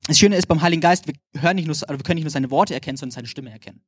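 Preaching with lively energy, this young man from Franconia speaks with a Franconian German accent and keeps throwing in "hey" and a questioning "ja?". He talks very fast at a fairly high pitch.

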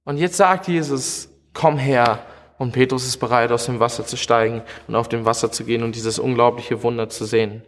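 A man preaches with earnest conviction and talks directly to each listener. His voice sits at an ordinary middle pitch. A long reverb trails behind his words, as in a large hall. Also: fairly even intonation, fairly quick, hardly any pauses. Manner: earnest, direct address with frequent "hey". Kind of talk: sermon.

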